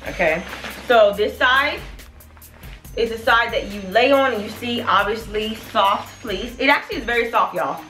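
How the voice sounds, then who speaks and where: A woman's voice: on the high side, normal speed, faint music behind. Chatty woman vlogger in an echoey room. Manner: chatty, animated, addresses viewers as y'all. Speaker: family vlogger. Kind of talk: casual product review. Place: small room in front of a plain wall.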